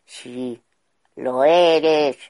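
A woman voicing a gruff, mocking gnome king in a storybook, slow and commanding. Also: low voice, dark tone, no room sound.

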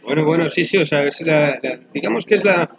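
A man's voice: a little high, fairly quick, creaky, crowd noise, poor audio. A man hosting an interview, chatty and colloquial, often restarting his sentences as he thinks aloud. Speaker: interviewer host. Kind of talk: casual conversational interview.

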